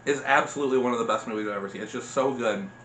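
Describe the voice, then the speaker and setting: A man's voice: medium pitch, rapid-fire, fairly bright tone. A man in his thirties chatting casually as co-host, blunt and opinionated, swearing freely. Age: 30s. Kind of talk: casual chat. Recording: echoey room with faint noise.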